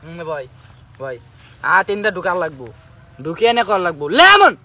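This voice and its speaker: An actor playing a harsh, bossy English tutor in a comedy skit, scolding and bursting into shouted words. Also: male voice, on the high side, animated, a little fast. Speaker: teacher.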